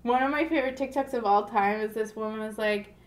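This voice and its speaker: A woman's voice: on the high side, fast talker, roomy sound. A woman from Florida chatting casually as a host, rambling with lots of fillers and restarts. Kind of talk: casual chat.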